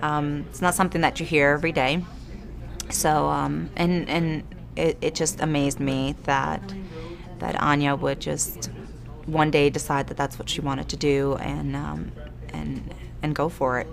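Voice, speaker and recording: Woman, hesitant interviewee, deep gravelly voice, crowded background. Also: level tone, measured pace, soft background music. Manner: hesitant, many fillers. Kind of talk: casual interview talk. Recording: crowd noise behind voice.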